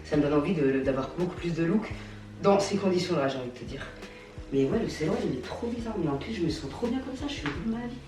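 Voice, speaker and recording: A woman's voice: lowish voice, lively intonation. Gushing slangy young woman in echoey room. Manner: gushing and slangy, quick swings into mock outrage. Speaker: fashion vlogger. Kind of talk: casual clothing haul chat. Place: at home, trying on clothes. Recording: echoey room, mic at a distance, faint music.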